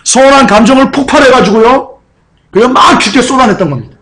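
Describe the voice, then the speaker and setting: Male pastor, high voice, emotional sermon, repetitive rhetorical style. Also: quick pace, a bit bright, rough recording.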